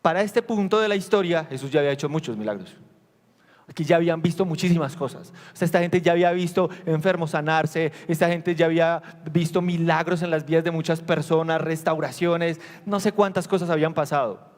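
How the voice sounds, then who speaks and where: A man's voice: a little high, brisk, big-room sound. A man preaching a sermon as a pastor, telling the story with animation, acting out the disciples' lines and asking the congregation questions.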